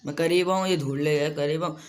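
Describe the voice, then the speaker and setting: A man's voice: a little high, steady tone, fairly quick. Chatty young man narrating gameplay. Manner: chatty, rambling, self-deprecating. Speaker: gaming YouTuber. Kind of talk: casual gameplay commentary.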